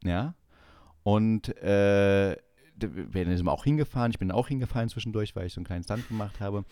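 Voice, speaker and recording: A man's voice: on the low side, brisk, dry recording. A young man telling a long personal story in casual chat, acting out the voices of the people in it. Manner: animated storyteller acting out quoted dialogue. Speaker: podcast co-host.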